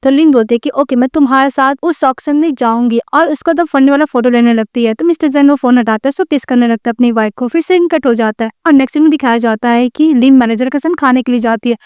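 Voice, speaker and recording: A woman retelling a drama's plot in a fast, steady storytelling voice, mixing in many English words. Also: high-pitched, smooth, dry recording, studio quality. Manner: rapid, even storytelling with many English loanwords. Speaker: drama recap narrator.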